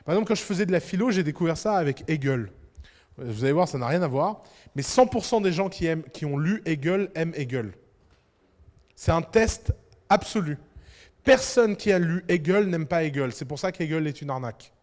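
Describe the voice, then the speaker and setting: A man with a high-pitched voice lectures entrepreneurs in a big conference hall. He speaks in an animated, provocative way and addresses the crowd directly, and a long reverb trails behind his words. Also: fairly quick.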